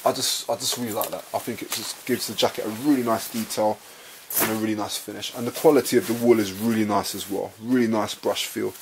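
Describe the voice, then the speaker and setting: A man's voice: on the low side, fairly quick, a little hiss or hum. Chatty London man reviewing a jacket. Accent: London English. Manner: relaxed, chatty, repeats himself, addresses viewers as guys. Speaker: fashion vlogger reviewing a jacket. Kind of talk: casual product review. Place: indoors, at home beside a bed.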